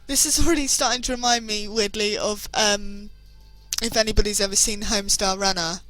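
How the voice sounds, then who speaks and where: A woman's voice: medium pitch, fairly even intonation, brisk, fairly bright tone, dry recording, soft background music, poor audio. A British woman casually commentating a horror game playthrough, chatty and self-deprecating with frequent hesitations. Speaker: gameplay commentator.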